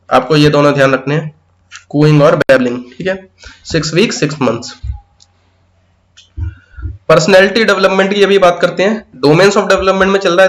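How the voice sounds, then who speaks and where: In this exam-prep pedagogy class, a male teacher with a somewhat high voice breaks the material down step by step. He mixes in terms and regularly pauses to say "theek hai."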